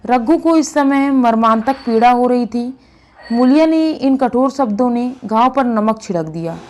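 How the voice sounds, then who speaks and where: A woman storyteller reading a classic short story aloud in a measured, even way. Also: fairly high pitch.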